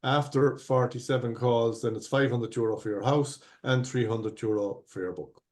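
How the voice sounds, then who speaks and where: An Irish male bingo caller hosting an online game. He reads numbers out digit by digit in stock calling phrases, with a mid-pitched voice. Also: fairly even intonation, normal speed, a little mellow. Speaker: bingo host.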